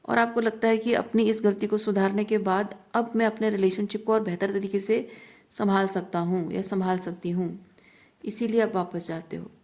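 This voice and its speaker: A woman's voice: mid-range voice, flat delivery, moderate pace, darkish tone. Earnest woman giving a tarot reading. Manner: earnest, repeats phrases for emphasis, mixes English words into Hindi. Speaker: tarot reader. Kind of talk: tarot reading addressed to the viewer.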